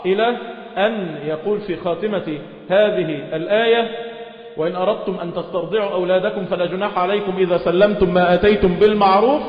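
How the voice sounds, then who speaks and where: A man with an Egyptian accent giving a Quran lesson, moving between lively dialect explanation with rhetorical questions and slow recitation. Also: high voice. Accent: Egyptian Arabic. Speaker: religious teacher. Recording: echoey hall, muffled lo-fi sound.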